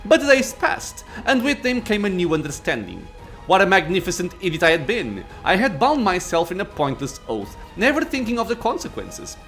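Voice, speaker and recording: An ancient undead lich lord played by a man, arrogant and imperious. The pitch swings widely as he makes formal, impatient pronouncements from a fantasy game, with music underneath. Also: huge pitch swings, fairly quick, fairly bright tone, exaggerated voice. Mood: proud, impatient. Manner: imperious, archaic formal speech. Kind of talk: acted reading of fantasy game dialogue.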